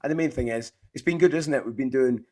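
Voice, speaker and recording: A man with a Scottish accent hosts a football chat in a hoarse voice worn out from shouting. He rambles in a matey, enthusiastic way, at a middling pitch. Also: fast. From Scotland. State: hoarse, voice partly lost from shouting. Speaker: podcast host. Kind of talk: casual fantasy football chat.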